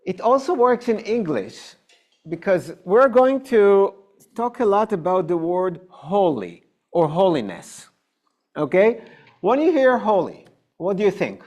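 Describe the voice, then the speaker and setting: Big pitch swings mark this rabbi's high, darkish voice. He is a native Hebrew speaker with an Israeli accent, teaching adults an informal Bible class in a synagogue classroom and explaining unhurriedly by questioning his students.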